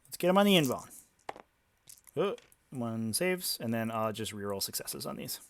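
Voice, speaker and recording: A man hosting a tabletop wargame session, brisk and upbeat as he counts his saves out loud. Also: mid-range voice, sing-song. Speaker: tabletop wargame player and channel host. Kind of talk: casual game commentary.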